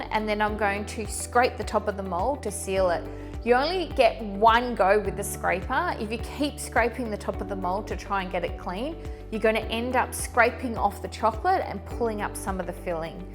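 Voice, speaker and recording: A middle-aged woman hosting a cooking demonstration, giving clear step-by-step instructions in an upbeat manner. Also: fairly high pitch. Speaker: chocolatier host.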